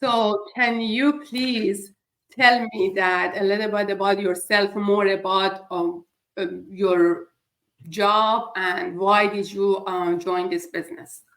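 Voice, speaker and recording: A middle-aged Iranian woman hosts a live chat, speaking slowly and hesitantly with frequent fillers. Her voice is medium-pitched, fairly even in intonation, and a bit bright, and the recording quality is low.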